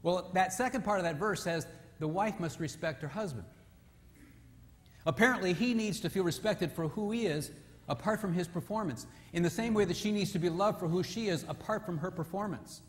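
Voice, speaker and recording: A male preacher giving an animated, story-driven sermon, dropping low and quiet for emphasis. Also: a little fast. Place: church sanctuary. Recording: long church hall reverb.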